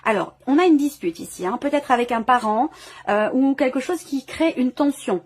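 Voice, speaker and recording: This tarot reader has a higher voice, expressive and at a normal speed, as she hosts a video reading. Her intuitive commentary is improvised, and she hesitates often, searching for words and rewording her phrases repeatedly.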